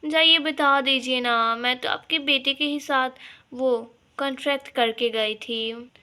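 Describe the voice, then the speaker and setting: A woman's voice: on the high side, measured pace, sharp tone. A woman voicing a pert, vain young daughter-in-law in a toy doll play, with cheeky, defiant talk.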